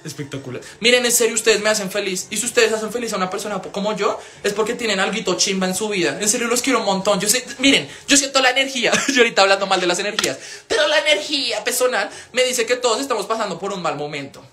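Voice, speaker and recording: Young Bogotá-accented man, casual livestream chatter into a phone, profane and animated. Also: fast, hardly any pauses. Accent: Colombian, Bogotá. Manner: animated, swears a lot, swings into loud high-pitched wails. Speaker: live streamer.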